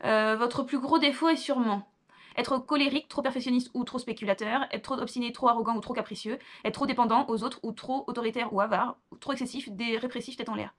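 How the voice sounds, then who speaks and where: A woman's voice: on the high side, steady tone, fast. A young woman, reading quiz questions aloud and answering with offhand asides in a casual vlog. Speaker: vlogger.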